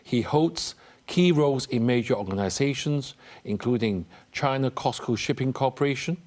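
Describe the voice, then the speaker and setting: A man's voice: mid-range voice, normal speed, darkish tone. A man hosting a TV news interview, reading a scripted introduction and then asking questions with some hesitant fillers. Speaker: TV interview host.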